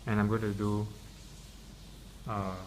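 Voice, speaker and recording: A man with a lowish voice explains software in an unscripted demo, speaking slowly with a completely flat delivery. He proceeds hesitantly in fits and starts, recorded in an obviously noisy room.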